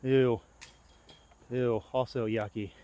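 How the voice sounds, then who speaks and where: A man's voice: medium pitch, slow. Winded young man calling his disc golf throws. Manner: excitable, yelps at his throws. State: winded and tired. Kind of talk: casual play-by-play commentary. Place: outdoor disc golf course.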